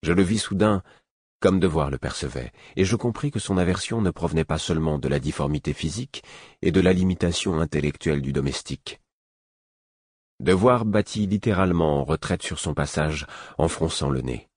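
A man narrates a first-person fantasy novel in a very low, husky voice. His delivery is measured and even. The close, dry recording has no room sound. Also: no room sound. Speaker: audiobook narrator.

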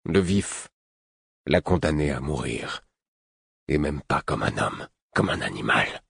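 A man reading the part of a stern, proud older man with a hoarse, guttural voice, speaking gravely and with restraint. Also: a bass voice, expressive, unhurried, fairly bright tone, dry recording, studio quality, full character voice. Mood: grave restrained.

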